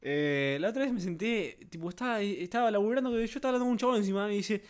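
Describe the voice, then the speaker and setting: A young Argentine man with a fairly high voice co-hosts a casual podcast chat. He tells stories in quick, animated, slangy bursts. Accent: Argentine Spanish. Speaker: podcast co-host.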